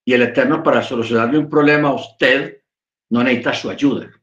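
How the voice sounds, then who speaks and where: A man preaching a sermon, emphatic, addressing his listeners as brothers and dropping low and slow to stress a point. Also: a bit bright, reverberant, lo-fi sound.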